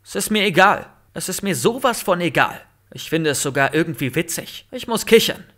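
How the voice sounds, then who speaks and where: A man reading a first-person horror story aloud in an expressive, lively storytelling manner. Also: fairly high pitch, a little fast. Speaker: narrator. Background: faint music.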